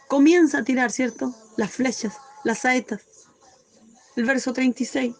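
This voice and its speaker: A woman's voice: sits high, fairly even intonation, measured pace, a little mellow. A woman teaching a Bible study sermon, reading scripture aloud and explaining it fervently, often asking "cierto?" and breaking into praise.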